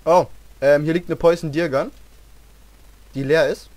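A young man hosting a let's play, chatting with teammates in casual gaming commentary, excitable and repeating phrases. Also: fairly high pitch, unhurried.

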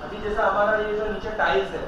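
A man's voice: high voice, little pitch movement, brisk. A man owning a tool shop, explaining step by step and telling viewers to look while he demonstrates a laser leveler. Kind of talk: casual product demonstration. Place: small tool shop room with shelves, indoors. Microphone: handheld camera filmed by another person. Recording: echoey room, slightly dull, faint noise.

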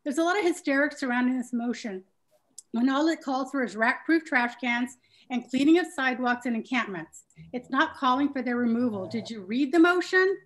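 A woman speaking in a council meeting, sharp, combative and sarcastic. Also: sits high, expressive, brisk. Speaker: board member. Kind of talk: public comment at online meeting.

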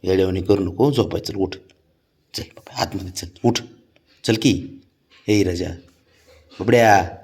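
A man coaxing his pet in gentle, pleading baby talk in a casual home video. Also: sits low, steady tone, measured pace, pauses often. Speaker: pet owner.

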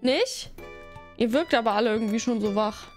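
A woman's voice: on the high side, expressive, normal speed, soft background music. A woman live streamer chatting casually, giggling and teasing as she thanks viewers one after another, in a sleepy morning mood.

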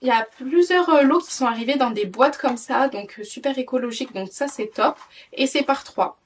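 A French woman in her twenties, a parenting vlogger, sounds tired as she chats casually through a clothing haul, rambling with lots of fillers and restarts. Her voice sits high and moves at a moderate pace. The mic is distant, with a little hiss or hum.

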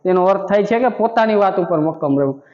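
A man's voice: high voice, expressive, quick pace. A man teaching a grammar lesson, explaining each point and repeating it with a filler word. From India. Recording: dull lo-fi sound with long reverb.

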